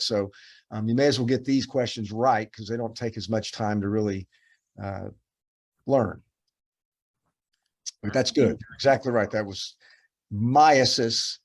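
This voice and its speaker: A man teaching a dermatopathology case review over a video call, explaining patiently with many fillers and restarts. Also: on the low side.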